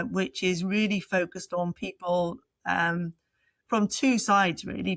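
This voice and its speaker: A woman leadership coach with a fairly low voice answers interview questions reflectively, pausing often as she searches for the right words. There's no echo.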